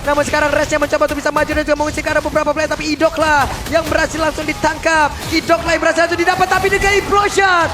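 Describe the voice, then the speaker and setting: A man commentating an esports match as an excited, dramatic play-by-play caster. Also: very high-pitched, racing, hardly any pauses. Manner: excited, dramatic play-by-play calling with rhetorical questions. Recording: loud music behind the voice. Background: music.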